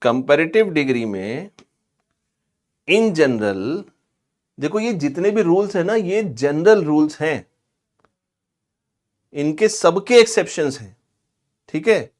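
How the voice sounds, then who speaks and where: A man teaching English grammar in a chatty, scolding classroom lecture. He drags out example words slowly. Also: a little high, lively intonation, a little mellow. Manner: chatty and scolding, calls students "bhai" and "pagle".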